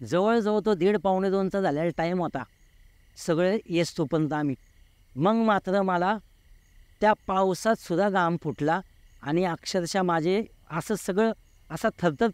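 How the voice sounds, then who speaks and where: A man's voice: high voice, darkish tone, clean tone, no echo. A man in his forties, a guest telling a true story in an interview, vivid and repeating words for effect.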